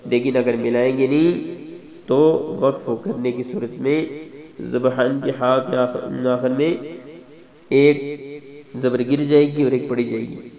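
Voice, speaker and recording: A man teaching Quran recitation rule by rule, explaining briskly and methodically. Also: mid-range voice, fairly even intonation. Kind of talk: step-by-step recitation instruction. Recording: tinny, echoey, phone-like sound.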